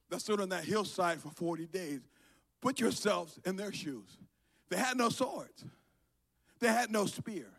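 High-voiced preaching pastor from Liberia. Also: male voice. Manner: preaching with swings from quiet talk to shouted calls. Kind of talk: sermon. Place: church sanctuary.

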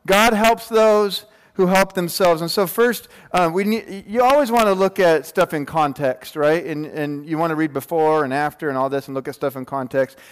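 A man's voice: fairly high pitch, moderate pace, few pauses, clean tone. A man around his forties preaching a casual sermon to a congregation, informal and joking, checking in with rhetorical questions. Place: large room, speaking to a congregation. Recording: long hall reverb.

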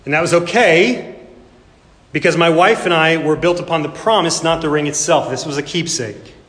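A male pastor preaches emphatically, pausing for drama and swinging between hushed and raised delivery. His voice sits slightly high, with a long reverb that fills the sanctuary. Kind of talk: sermon. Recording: echoey hall with long reverb.

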